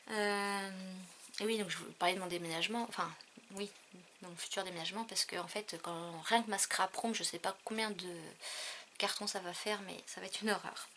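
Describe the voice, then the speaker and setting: A woman's voice: mid-range voice, bright, forceful tone, a little hiss or hum. A woman chatting casually about her craft purchases, hesitant and full of fillers. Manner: hesitant, many fillers, trailing off. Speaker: craft haul vlogger. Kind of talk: casual chat showing purchases.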